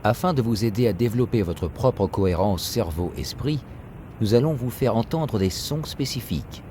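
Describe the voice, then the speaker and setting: Calm and measured, a man's voice delivers the instructions of a scripted guided meditation. The backdrop holds the sound of ocean waves plus a constant rumbling noise.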